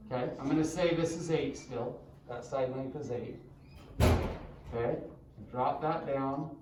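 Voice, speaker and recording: A man's voice: mid-range voice, darkish tone, muffled recording, a little hiss or hum. A male math teacher giving a casual classroom lecture and checking in with the class often. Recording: echoey room, mic far off.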